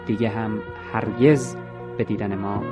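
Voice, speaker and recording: Male narrator, steady storytelling read, measured and even. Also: on the low side, over loud music.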